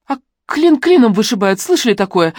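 A woman's voice: fairly high pitch, expressive, fairly quick, a little mellow, no echo, studio quality, pitched above the performer's own voice. A woman reading an audiobook and voicing a defiant young woman who challenges sharply and edges toward hysteria. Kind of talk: audiobook dialogue.

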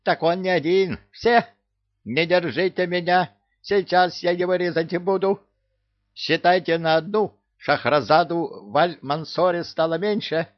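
A man voicing a loud, hysterical male parrot who squawks, gossips and brandishes threats. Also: high-pitched, unhurried, no echo, lo-fi sound, pitched above the performer's own voice. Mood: furious.

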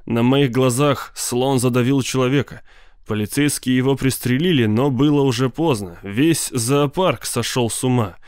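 A man voicing a shaken male newspaper reporter who speaks grimly and slowly. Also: mid-range voice, a little mellow, clear, resonant tone, dry recording, studio quality, natural voice. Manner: grim, measured.

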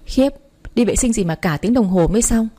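A woman's voice: medium pitch, animated, a little fast, warm tone, lightly acted. A woman voicing a scheming young mistress in a storybook reading, wheedling in a raised voice. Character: scheming young mistress, coy then panicky.

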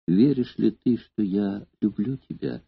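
A man's voice: medium pitch, big pitch swings, normal speed, creaky, slightly rough, no echo, full character voice. A man voicing a young female courtesan who pleads and feigns tenderness, in an audiobook reading. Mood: tender. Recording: dull lo-fi dry recording.

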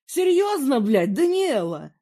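A reader voicing a hot-tempered young man who yells and swears in a story reading. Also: high voice, sing-song, takes it slowly, pitched above the performer's own voice, heavily acted. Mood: furious. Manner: yelling, swearing.

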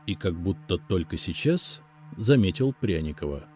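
A man narrating a story in the first person, in an expressive, lively storytelling manner. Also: low voice, normal speed, breathy edge, soft background music. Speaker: audiobook narrator.

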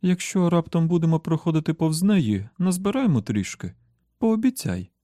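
A playful young woman with a raised, lilting voice, put on by a man reading an audiobook. She talks in a chatty, teasing way, sounding warm and close on a dry recording. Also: a little high, animated, moderate pace, no echo, pitched above the performer's own voice, close to an everyday voice. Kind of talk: audiobook character voice.

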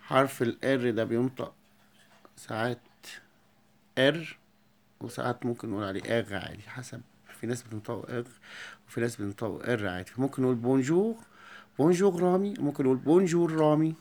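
A man with an Egyptian Arabic accent explaining a beginner lesson, repeating each word slowly and clearly for his pupils. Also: mid-range voice. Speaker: French teacher.

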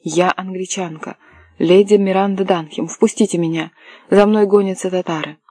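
A reader voicing a desperate young English lady, pitched up. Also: steady tone, normal speed, dark tone, no echo, natural voice. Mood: pleading. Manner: pleading, rising to cries. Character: desperate young English noblewoman fleeing captors. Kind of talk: audiobook character voice.

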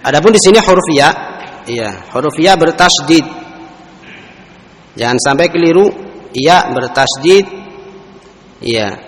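A man teaching Quran recitation rules, explaining each point and then chanting example phrases slowly for students to repeat. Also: on the high side, animated. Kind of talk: tajwid lesson with recited examples. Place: large mosque hall. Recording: echoey mosque hall sound.

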